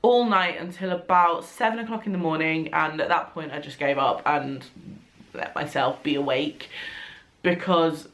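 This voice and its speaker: Speaking at normal speed in a low-sitting, slightly bright voice, a young woman with a stuffy, nasal sound from congestion rambles to her compact camera as a vlogger, breaking into the odd laugh.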